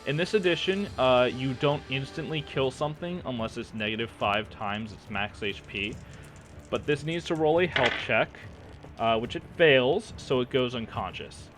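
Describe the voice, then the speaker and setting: Game master, male, mid-pitched, unsure, pauses to check rules, music underneath. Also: a bit bright. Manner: hesitant, checks rules aloud with many uhs. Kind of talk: running a tabletop game.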